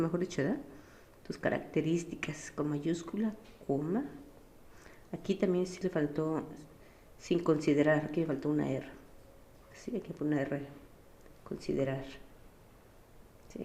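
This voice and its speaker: A woman's voice: low-pitched, normal speed, pauses often, warm tone, a little hiss or hum. A woman teacher, patiently explaining a physics lesson and often checking that her students follow. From Mexico. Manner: patient, keeps checking with a questioning "sí?".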